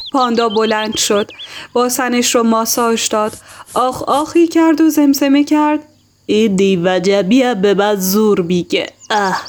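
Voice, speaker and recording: A woman narrating a children's audio story in an expressive, playful way. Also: high voice. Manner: expressive, playful voices for animals.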